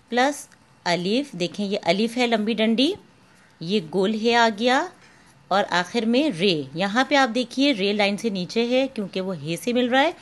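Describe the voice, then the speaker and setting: A woman teacher talks her young pupils through a spelling lesson, slowly and patiently. She sounds out each letter one by one and calls the children "beta". Her voice sits at an ordinary middle pitch. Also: fairly bright tone. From Pakistan. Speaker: school teacher. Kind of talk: slow, patient classroom instruction.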